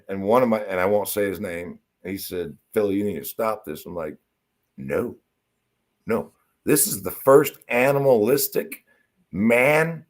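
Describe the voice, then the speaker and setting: Brief: male co-host, casual live-stream chat, swears freely, excitable storyteller. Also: mid-range voice.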